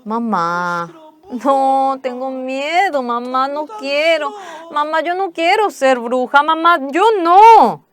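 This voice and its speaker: A woman's voice: extremely slow, few pauses, bright, forceful tone, heavily acted. Woman doing a terrified pleading young woman. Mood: frightened pleading. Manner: pleading, high and strained. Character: frightened young woman pleading with her mother.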